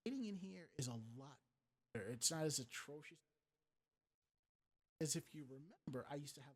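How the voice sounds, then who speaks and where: A male podcast host talks in a loose, rambling way at a fairly high pitch. His mic keeps glitching, so the voice fades and cuts in and out. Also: expressive, moderate pace. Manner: rambling, offhand. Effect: glitching audio, mic cutting out. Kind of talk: casual chat.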